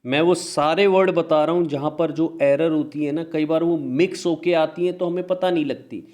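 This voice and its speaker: A man with an Indian English accent teaching a grammar lesson, explaining in Hindi, reading example sentences slowly and answering his own questions. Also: on the high side, fairly even intonation, a little mellow, highs cut off.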